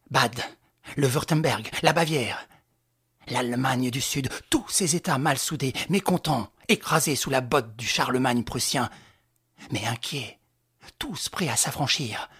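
A man voicing a raging, mocking gentleman thief in an audiobook, shouting and laughing with scorn. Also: on the high side. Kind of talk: audiobook character voice.

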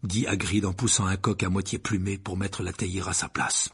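A man narrating an audiobook in an expressive, animated reading. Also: deep voice, moderate pace, slightly rough.

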